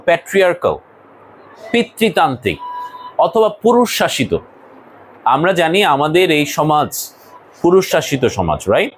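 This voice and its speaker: A man's voice: a little high, a little hiss or hum, low-quality recording. A male college English teacher, lecturing a classroom and explaining English words and phrases, sometimes scolding his students.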